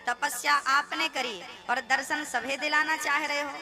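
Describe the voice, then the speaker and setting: A man's voice: very high-pitched, fairly even intonation, unhurried, vocal fry, sharp tone, exaggerated voice. A man voicing a kindly god who speaks graciously to a devoted king, in a storytelling sermon. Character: kindly god granting a devoted king's wish.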